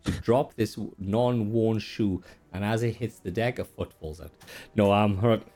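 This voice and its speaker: A man narrating as game master, describing scenes with many pauses and fillers. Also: fairly low pitch, mellow.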